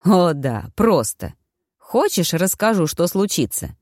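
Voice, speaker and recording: A woman's voice: fairly low pitch, sing-song, slow pace, darkish tone, dry recording, clean studio sound. A woman reading an audiobook, voicing a sarcastic, defiant young man who mocks his family. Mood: mocking. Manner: mocking, biting, scornful.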